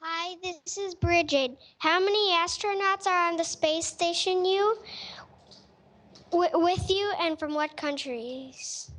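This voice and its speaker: A woman's voice: extremely high pitch, takes it slowly, a bit bright. A female student carefully putting a prepared question to a guest.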